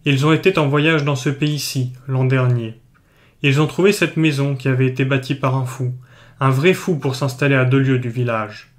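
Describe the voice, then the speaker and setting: A man's voice: mid-range voice, natural voice. An old, devout housemaid with a hard, curt way of answering, voiced by a man reading the story. Her replies come out dry and clipped, in a mid-range voice with no exaggeration. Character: old pious curt woman servant.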